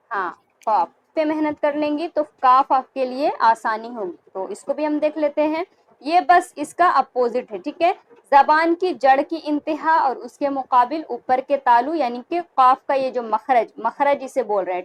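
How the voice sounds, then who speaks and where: A high-pitched woman teaches Quran reading to her students in a recorded lesson. She is patient and repetitive, checking in often and drawing out sounds slowly to demonstrate them before speeding on. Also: poor audio. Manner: patient, repeats and checks with "ठीक है". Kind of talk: recorded lesson on Arabic letter pronunciation.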